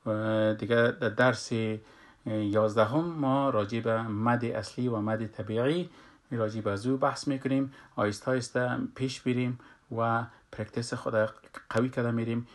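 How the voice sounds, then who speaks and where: A man teaches Quran pronunciation at a middle pitch. He sounds each Arabic word out slowly and with force, repeating it, then explains the rule in quicker everyday speech. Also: steady tone. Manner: demonstrates Arabic words slowly and loudly, then explains briskly. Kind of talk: tajwid lesson.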